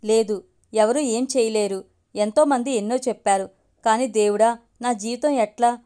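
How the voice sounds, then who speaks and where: A woman's voice: a little high, normal speed, dark tone, smooth, natural voice. A woman reading the lines of a weepy young unmarried man who is upset about losing his hair, in a pleading way. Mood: despairing.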